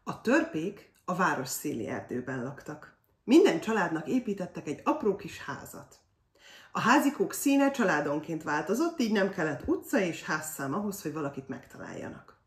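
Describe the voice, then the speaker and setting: A woman reading a children's fairy tale aloud in an expressive, animated way. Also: on the low side, recorded from a distance. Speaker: storyteller. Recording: roomy echo.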